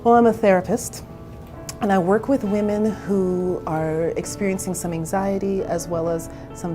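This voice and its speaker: A woman in her forties from Canada, a therapist and entrepreneur, telling her own story in a candid, chatty interview. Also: fairly low pitch. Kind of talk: personal interview.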